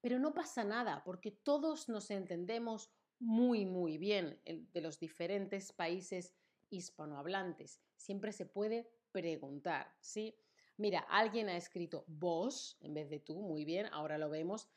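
Slow-talking Spanish teacher from Spain. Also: female voice, on the low side, darkish tone. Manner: chatty, reads chat aloud, tag questions. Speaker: Spanish teacher streaming live. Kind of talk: live-streamed language lesson.

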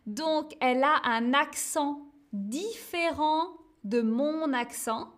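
Woman teacher talking super slow, high voice, keeps repeating stuff for learners. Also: fairly bright tone. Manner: slow and deliberate, repeats words, frequent "hein" and "euh". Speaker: French teacher. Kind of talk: slow learner-friendly explanation.

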